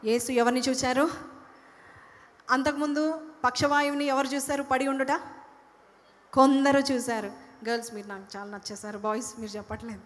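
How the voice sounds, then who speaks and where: A woman's voice: sits high, fairly even intonation, moderate pace, long pauses. A woman pastor preaching a sermon in a church and questioning the congregation as she goes. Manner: questions the congregation and prompts answers. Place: church hall. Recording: long hall reverb.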